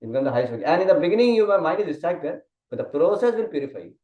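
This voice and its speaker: A man's voice: a little high, sing-song, slow pace. Echoey Hindi-English Gita teacher, man. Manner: checks understanding often, explains step by step. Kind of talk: casual class teaching, mixing Hindi and English. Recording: dull muffled sound in an echoey room.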